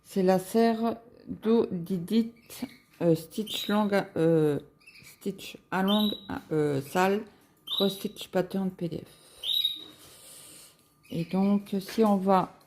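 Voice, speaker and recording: A woman chatting casually as a cross-stitch vlogger, musing aloud with halting fillers as she browses shops online. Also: mid-range voice, background noise. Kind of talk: casual screen-share chat.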